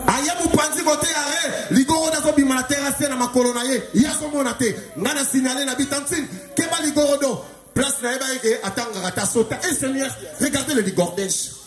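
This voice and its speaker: A Congolese man doing live stand-up, telling animated stories and shouting out the punchlines. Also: very high voice, noisy background. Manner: animated, often shouting punchlines, mixing two languages. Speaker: stand-up comedian. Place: live stage in a hall. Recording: echoey live hall with music.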